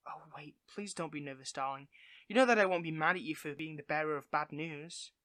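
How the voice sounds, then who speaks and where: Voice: mid-range voice, expressive, normal speed, pushed and bright, no room sound, studio quality. A performer acting a dorky, affectionate villain in a one-sided audio role-play, stammering and sheepish, eager to impress a partner. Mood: anxious, tender.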